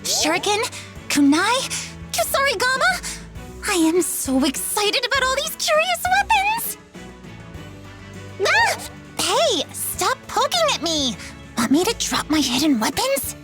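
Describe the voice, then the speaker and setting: A woman voicing a bubbly, teasing young female ninja in a video game, excitable and theatrical. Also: very high-pitched, measured pace, over loud music, exaggerated voice. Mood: excited, then startled, teasing. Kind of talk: video game character voice lines.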